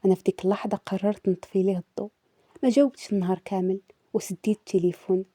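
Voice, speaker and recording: Moroccan woman telling her confession story, dramatic and brooding, really dark mellow voice. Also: mid-range voice, steady tone, racing, husky, no echo, studio quality. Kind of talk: first-person confession story narration.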